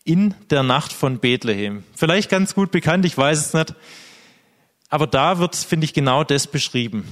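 A man's voice: fairly high pitch, lively intonation, moderate pace, long reverb tail. A man preaching a sermon, speaking earnestly and directly to the congregation.

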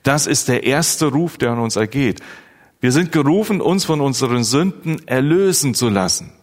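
A man preaching a sermon in a slow, earnest, pastoral manner, rising in emphasis at key phrases. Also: medium pitch, lively intonation. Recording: long church reverb.

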